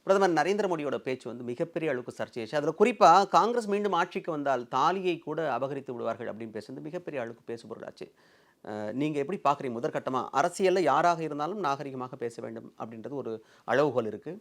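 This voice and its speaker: A man's voice: mid-range voice, expressive, quick pace, a bit bright. A man hosting a political interview, setting out context at length before putting his questions. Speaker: interviewer, host.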